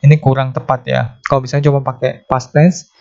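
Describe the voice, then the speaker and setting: A man teaching an exam-prep grammar lesson, going through each question step by step. His voice sits at an ordinary middle pitch, and he slows down deliberately whenever he reads the English answer options aloud. The recording is dull and lo-fi. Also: level tone, vocal fry, a little mellow.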